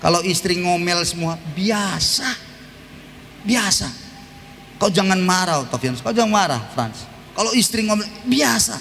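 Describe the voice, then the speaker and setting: A man preaching a sermon as pastor, passionate, moving between loud exclamations and soft, low murmurs. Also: expressive, moderate pace, vocal fry, long reverb tail, a little hiss or hum. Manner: impassioned preaching, swinging from shouts to soft murmurs. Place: church sanctuary.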